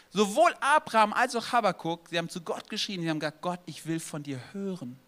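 A pastor preaching a sermon, lively and direct, acting out prayers and dialogue as he speaks to his congregation. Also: a little high.

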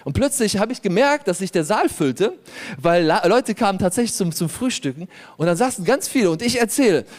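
A man, a pastor and lawyer, telling a lively anecdote in a sermon, laughing often. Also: high-pitched, brisk. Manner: animated anecdotal storytelling with laughter. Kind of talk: sermon storytelling.

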